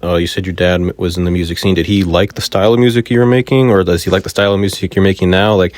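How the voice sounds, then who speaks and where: A man's voice: deep voice, steady tone, very fast, no room sound. A man hosting a casual interview, easygoing and asking follow-up questions. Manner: easygoing, asks follow-ups with many fillers. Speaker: podcast host.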